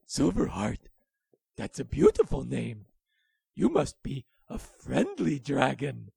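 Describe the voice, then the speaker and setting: A cheerful, bubbly wolf from a bedtime story, voiced by a man. He talks loudly in a bouncy, sing-song way. His voice swoops up and down. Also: mid-range voice, huge pitch swings, slow, creaky, breathy edge, dry recording, heavily acted. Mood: admiring.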